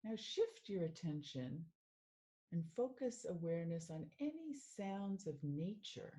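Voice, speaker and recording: A woman working as a mindful living coach, leading a guided meditation in a calm, soothing way. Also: on the low side. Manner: slow, calm, soothing guidance.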